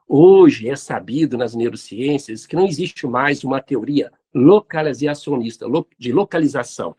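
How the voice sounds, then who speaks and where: A man's voice: on the high side, husky. A man, hosting and answering listener questions in an explanatory talk on neuroscience and spirituality. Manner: didactic, addresses listeners directly.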